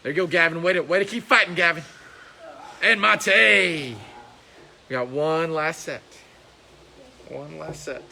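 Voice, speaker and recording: A man teaching a karate class, shouting counts and commands and cheering students on, in a training hall with mirrors. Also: on the high side, measured pace, creaky, pauses often, noisy background. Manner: loud barked commands and upbeat encouragement. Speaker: karate instructor. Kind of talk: live coaching of a class.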